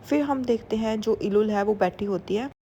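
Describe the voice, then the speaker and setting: A woman's voice: medium pitch, moderate pace, vocal fry, warm tone, muffled recording, a little hiss or hum. A young woman casually retelling the scenes of a drama series in a chatty, informal way, with fillers and English words mixed in. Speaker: series recap narrator. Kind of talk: casual spoken story recap.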